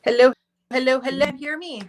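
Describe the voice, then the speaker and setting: A woman's voice: high voice, fairly even intonation, a little fast. Woman on a video call, audio dropping out. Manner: asks again and again whether she can be heard. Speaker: dog trainer, guest. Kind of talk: live-stream interview.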